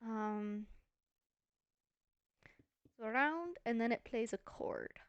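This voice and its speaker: A woman's voice: fairly high pitch, lively intonation, takes it slowly, smooth, dry recording, dull audio. A woman hosting a casual gameplay video, chatty and thinking aloud with playful self-mockery. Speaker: Minecraft let's-play host.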